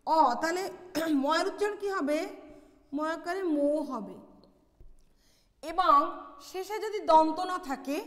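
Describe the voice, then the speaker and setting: Lady teacher from bangladesh, high voice, explains bit by bit, lots of room echo. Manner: explains step by step, asks questions and answers them. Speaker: college Bangla lecturer. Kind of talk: classroom lecture on pronunciation. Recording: echoey hall with long reverb.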